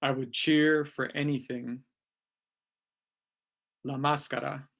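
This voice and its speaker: A man in his thirties from California, chatting casually and reading his poems slowly and deliberately. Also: mid-range voice, flat delivery, gravelly, fairly bright tone. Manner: slow, deliberate reading of verse. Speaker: poet, featured writer. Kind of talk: casual talk and poetry reading.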